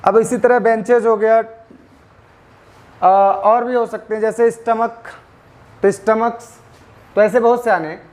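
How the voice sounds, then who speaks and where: High-voiced male grammar teacher. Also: steady tone, darkish tone. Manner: asks students questions and answers them himself; spells out letters slowly, stresses pronunciation. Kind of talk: classroom lecture.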